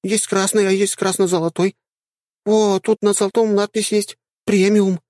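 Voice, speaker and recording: Man squeaking as a chirpy dryad loader girl. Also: level tone, normal speed, darkish tone, no echo, studio quality, lightly acted. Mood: curious. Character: clueless young female dryad tank loader, chirpy.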